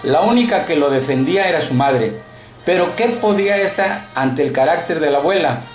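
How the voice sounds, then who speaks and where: A man reading a short story aloud in a steady, colloquial narrating manner, recorded in an echoey room. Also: a little high, normal speed, faint music behind.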